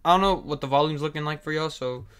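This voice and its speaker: A man's voice: a little high, quick pace, fairly bright tone. A young man hosting a reaction video, talking in a laid-back, slangy, profane way. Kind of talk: casual reaction commentary.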